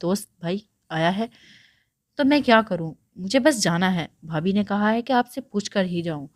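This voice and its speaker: A woman's voice: mid-range voice, lively intonation, no room sound, studio quality, lightly acted. Brief: a teary young girl pleading to be let go, voiced by a woman narrator. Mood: insistent.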